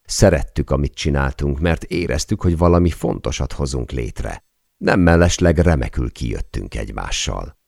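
A man reading a memoir aloud as an audiobook narrator, in steady storytelling delivery. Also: a bass voice, vocal fry, no echo, clean studio sound. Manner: steady storytelling read, lightly voicing quoted speech.

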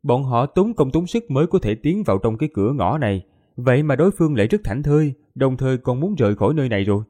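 A man narrating an audiobook in a steady storytelling manner. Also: mid-range voice, quick pace.

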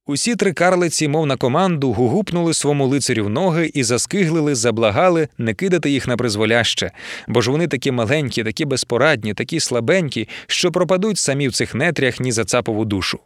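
An expressive male narrator reading a novel aloud, his pitch moving in a lively way. The voice is recorded close and dry, with no room sound. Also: quick pace, no echo. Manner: expressive storytelling. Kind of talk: audiobook reading.

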